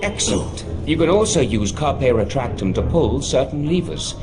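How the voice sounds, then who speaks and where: Professor Lupin, an animated wizard teacher. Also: male voice, medium pitch, noisy background. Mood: encouraging. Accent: British. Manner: instructive, measured, encouraging. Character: kindly, encouraging male wizard professor. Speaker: teacher guiding the player. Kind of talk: video game tutorial acting. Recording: loud game music behind voice.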